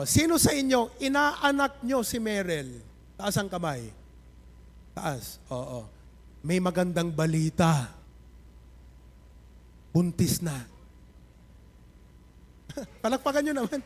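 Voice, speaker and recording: A high-voiced man preaches from the front of a church sanctuary. He speaks as a pastor, animated and calling out people in the pews. His voice rings out with a long reverb across the sanctuary. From Philippines. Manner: animated, calling out members of the congregation. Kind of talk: sermon to a congregation.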